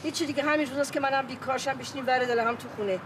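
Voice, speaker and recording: A woman's voice: sits high, fairly even intonation, natural voice. An actress playing a fed-up, overworked mother and music teacher who complains about her son in a comedy series. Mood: exasperated. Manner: exasperated, complaining. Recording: distant voice, street noise.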